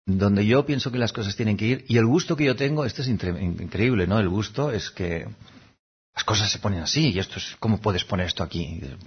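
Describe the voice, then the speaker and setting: A man giving a gentle, unhurried reflective talk, now and then slipping into little voices to act out examples. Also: fairly low pitch, animated, slightly rough. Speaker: speaker giving a talk on habits. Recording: dull, lo-fi recording.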